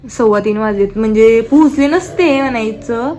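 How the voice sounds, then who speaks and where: A young woman chatting casually through a home vlog, talking softly and rambling about her day as a mother. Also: a little high, moderate pace, a little hiss or hum. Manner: chatty, soft-spoken, rambling asides. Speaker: vlogger and mother.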